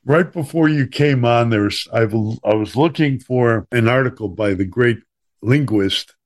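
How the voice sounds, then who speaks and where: Host: middle-aged Chicago man, mid-pitched, chatty and meandering. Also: a little slow. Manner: rambling, lively, many fillers and restarts. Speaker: podcast host. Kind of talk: casual chat.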